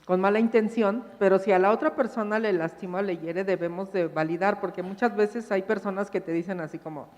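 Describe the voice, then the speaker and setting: Woman chiming in at church class, mid pitch, calm, hall reverb. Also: brisk, hardly any pauses. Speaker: class participant. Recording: long echo of a church hall.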